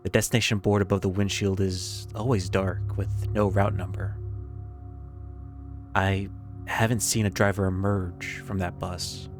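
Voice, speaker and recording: A man narrating a scripted first-person horror story in a measured, creeping, suspenseful way with pauses. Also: low-pitched, flat delivery. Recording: background music under the voice.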